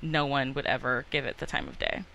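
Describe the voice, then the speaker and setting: A woman hosting a casual TV recap chat on a headset mic, chatty and quick to giggle, with lots of fillers. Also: a bass voice, fairly even intonation, pushed and bright, low-quality recording. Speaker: aftershow host.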